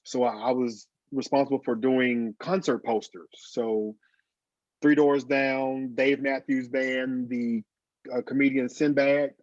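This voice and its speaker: A man's voice: medium pitch, darkish tone, no echo. A man in his forties with a slight lisp, telling his story as a guest on a video call. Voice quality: slight lisp from dental aligners. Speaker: graphic designer, guest. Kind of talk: casual interview over video call. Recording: dull video call audio.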